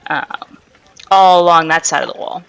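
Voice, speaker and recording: A young woman narrating as game master for a tabletop game over voice chat, halting, with many fillers and restarts. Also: low voice, clean tone, low-quality recording.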